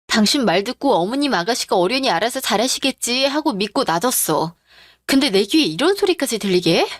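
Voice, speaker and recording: Lady doing a fed up wife calling out her in-laws, kinda high voice, dry audio. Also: big pitch swings, brisk, no echo. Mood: demanding. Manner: demanding, confrontational. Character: betrayed wife, confronting and furious. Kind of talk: radio drama acting.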